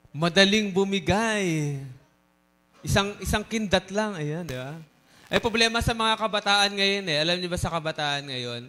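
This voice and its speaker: A man preaching a sermon in a lively, teasing way, mixing in English phrases and joking asides to the congregation. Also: sits high, moderate pace, clean tone. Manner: mixes Tagalog and English. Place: church service.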